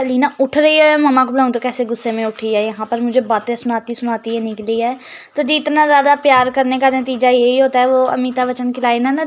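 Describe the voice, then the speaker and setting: A teenage girl narrating a casual home vlog, chatty and complaining about her sisters. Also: fairly high pitch. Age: teens. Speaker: vlogger.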